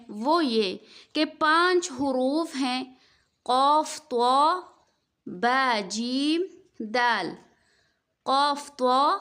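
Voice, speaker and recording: A woman teaching Quran recitation rules in Urdu with a Pakistani accent, patiently drawing out practice words slowly and asking the listener questions. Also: high-pitched, fairly bright tone. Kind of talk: tajweed lesson with slow drawn-out practice words.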